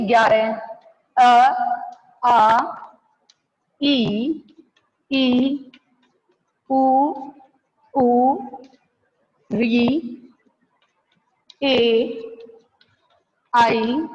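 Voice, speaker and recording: Female teacher, slow and deliberate, quizzing the class and answering herself. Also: high voice. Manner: slow, question-and-answer teaching, answering her own questions. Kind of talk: online class lecture. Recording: dull lo-fi sound with long reverb.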